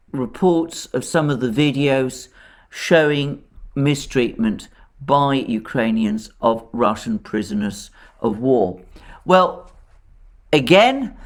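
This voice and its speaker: A man giving solo political commentary, speaking in a measured, deliberate way, with careful caveats and frequent restatements. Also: mid-range voice.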